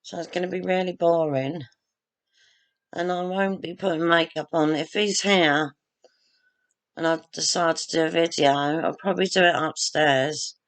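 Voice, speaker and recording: Recorded on a phone or laptop camera instead of a real webcam, this woman vlogs casually to camera while wandering her home, rambling with self-deprecating humor. She speaks unhurriedly in a low, steady voice.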